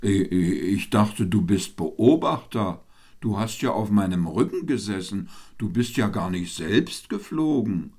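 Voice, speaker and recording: A man voicing a proud male eagle in a storybook, speaking slowly and grandly. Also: low voice, heavily acted. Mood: indignant. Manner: slow, deliberate and grand.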